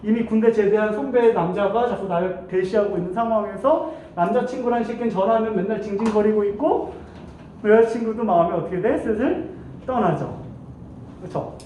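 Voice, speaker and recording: Male teacher, high voice, playful storyteller who acts out voices; distant mic in a reverberant classroom with faint background noise. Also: a little fast, dark tone. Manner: playful, acts out quoted voices, laughs often.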